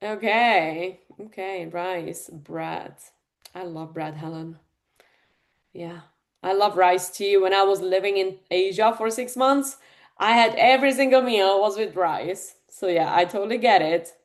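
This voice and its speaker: Over a video call, a Czech woman coaching fitness and nutrition leads a live masterclass in a mid-range voice at a slightly slow pace. Her delivery is chatty and direct to the audience, peppered with fillers.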